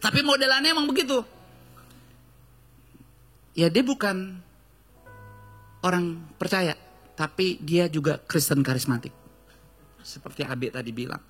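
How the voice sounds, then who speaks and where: A male pastor with a Jakarta Indonesian accent preaching a lively, joking sermon full of storytelling and acted-out quotes. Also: high voice, a little slow, pauses often, breathy edge, soft background music. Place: church stage.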